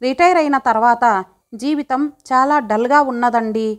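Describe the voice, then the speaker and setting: A woman's voice: sits high, moderate pace, lightly acted. A woman voicing a mild retired old father in a storybook reading, speaking plainly and conversationally. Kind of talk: audiobook character reading.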